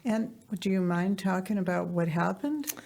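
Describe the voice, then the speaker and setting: A woman's voice: medium pitch, expressive, moderate pace, vocal fry, darkish tone. A woman from the US East Coast hosting a podcast, chatting effusively with her guest in a casual interview. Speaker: podcast host.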